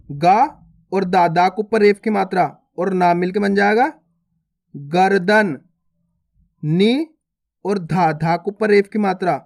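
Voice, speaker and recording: A man's voice: high voice, gravelly, darkish tone. A man teaching children's reading, spelling words out syllable by syllable in a patient, repetitive way and talking to viewers as friends. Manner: addresses viewers as friends, informal. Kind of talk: slow, spelled-out reading lesson.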